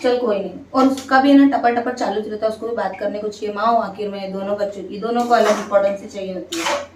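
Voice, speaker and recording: A woman's voice: medium pitch, fairly even intonation, fast, far from the mic. A young woman, chatting casually with her viewers while she cooks, venting and explaining as she goes. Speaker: family vlogger and mother of two. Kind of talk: casual chat while cooking. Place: home kitchen. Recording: echoey room, light background noise.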